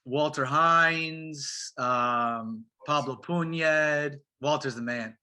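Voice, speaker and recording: Bright-voiced man chatting casually. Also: fairly high pitch, drawn-out words, clean tone. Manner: animated, slangy, says bro and man often. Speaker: pro soccer player guest. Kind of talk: casual interview chat.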